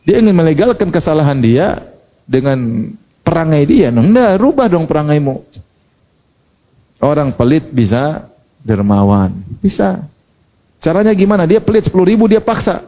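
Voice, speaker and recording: Lively joking preacher, mellow. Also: male voice, fairly high pitch, big-room sound. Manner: lively, joking, acts out quoted people. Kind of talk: sermon.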